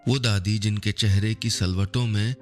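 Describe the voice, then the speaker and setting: A middle-aged man narrating a scripted story in a soft, measured, unhurried way. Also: fairly low pitch, steady tone, soft background music.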